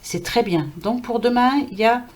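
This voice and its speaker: A slightly high, darkish female voice at normal speed belongs to a French card reader doing a relaxed tarot session for the camera. Chatty and comforting, she leans on fillers, and her voice is fading from a scratchy throat.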